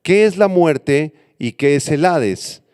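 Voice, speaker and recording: Smooth, mellow-voiced preaching pastor. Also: male voice, fairly high pitch, lively intonation, takes it slowly, no echo, studio quality. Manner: teaching, spelling out Greek and Hebrew words for note-takers. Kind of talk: sermon.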